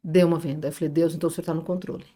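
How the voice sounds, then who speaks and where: Middle-aged Brazilian woman, São Paulo accent, expressive podcast guest who acts out quotes and jokes. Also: low voice, racing. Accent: Brazilian Portuguese, São Paulo area. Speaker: real estate business owner, podcast guest. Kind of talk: emotional storytelling in a podcast interview.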